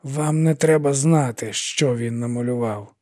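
A man's voice: mid-range voice, a little slow, mellow, close to an everyday voice. A man voicing a frightened elderly woman who speaks politely and holds herself back. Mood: restrained. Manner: restrained, polite, anxious.

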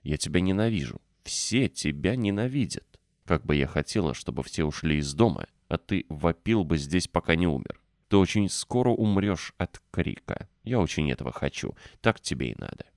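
A fiercely scolding, stubborn little girl, as a man reads her in an audiobook. The voice stays low and deep, with a dry, close sound and no room around it. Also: sing-song, moderate pace, gravelly, no room sound, heavily acted. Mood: furious.

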